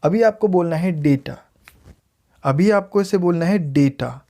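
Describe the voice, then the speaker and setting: A man with an Indian English accent, a teacher, gives a casual video lesson in pronunciation and says each word slowly and clearly more than once. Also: sits high, mellow. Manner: repeats words slowly and clearly for learners.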